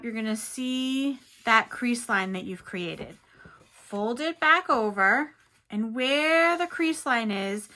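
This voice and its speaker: Bright, high-voiced woman teaching kids art. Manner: step-by-step, encouraging, simple wording. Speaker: children's art teacher and show host. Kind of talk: instructional craft lesson for children.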